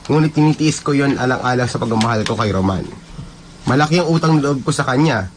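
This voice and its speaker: A man's voice: mid-range voice, fast, noisy background. A man narrating a love story in the first person on a radio drama program, with music behind him.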